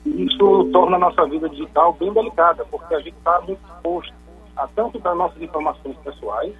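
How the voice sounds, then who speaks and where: A man comes through a phone line as a radio call-in guest, his voice husky and rough. He explains things in a measured, patient way, often restarting his phrases. Faint music plays underneath. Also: fairly high pitch, a bit bright. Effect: heard over a phone line. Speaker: tech commentator calling in to a radio show.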